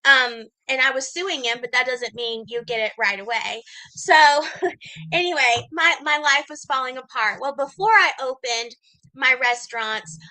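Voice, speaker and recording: Bright, high-voiced chatty woman. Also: unhurried, rough recording. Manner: chatty, acts out quoted voices with big pitch jumps. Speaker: host. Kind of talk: casual storytelling livestream.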